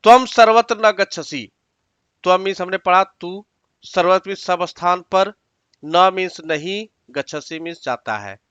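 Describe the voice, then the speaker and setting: A man's voice: high voice, normal speed, pushed and bright, smooth, dry recording, highs cut off. A man teaching a Sanskrit exam-prep lesson, patiently repeating each word and its meaning step by step and giving learners direct instructions.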